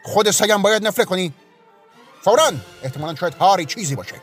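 A man's voice: high-pitched, expressive, soft background music, voice pushed up. A man doing a pompous, blustering police officer. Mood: bossy. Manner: bossy, blustering.

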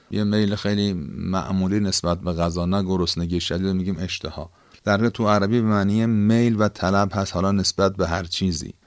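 A man's voice: fairly low pitch, no echo. A man with an Iranian Persian accent giving a conversational, explanatory Quran lesson, rephrasing key points as he teaches. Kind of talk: explanatory lesson on word meanings.

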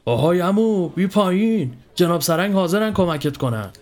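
Man doing a mustached policeman shouting up. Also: sits high, lively intonation, pitched above the performer's own voice. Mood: urging. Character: mustached policeman calling up a tree.

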